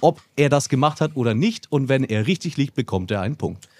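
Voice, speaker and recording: Steady male game host explaining rules. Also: mid-range voice, fairly quick, no echo.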